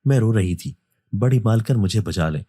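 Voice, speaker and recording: A man reading a first-person horror story as a storyteller, in a steady, even manner. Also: fairly low pitch, dry recording. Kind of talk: scripted narration of a horror story.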